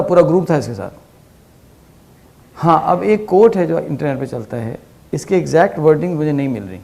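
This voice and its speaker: A middle-aged male teacher giving a conversational lecture, telling lively stories and asking his listeners questions, with English phrases mixed in. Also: a little high, vocal fry. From Pakistan. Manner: animated storytelling with rhetorical questions and English phrases.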